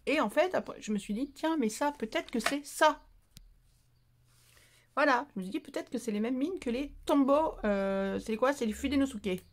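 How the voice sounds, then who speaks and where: A woman's voice: sits high, lively intonation, normal speed. A woman chatting casually in a craft haul vlog, rambling with fillers and making fun of herself. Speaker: craft vlogger.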